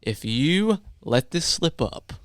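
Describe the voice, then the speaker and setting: Male panelist, fired up and pleading, slightly high clear voice, dry sound. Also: very animated, takes it slowly, no room sound. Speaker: sports talk show panelist. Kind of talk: casual sports talk, making picks.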